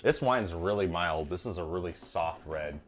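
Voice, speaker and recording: A man's voice: low voice, lively intonation, moderate pace, soft background music. A man hosting a home cooking livestream from his kitchen, tipsy on wine and joking around with lots of swearing. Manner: profane, joking banter. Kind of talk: casual cooking stream chat.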